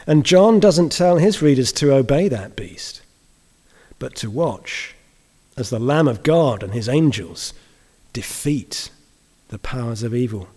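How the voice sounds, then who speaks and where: A man preaching a sermon in a kindly vicar's manner, explaining in measured phrases with deliberate pauses and rhetorical questions. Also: medium pitch, darkish tone. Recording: reverberant church hall.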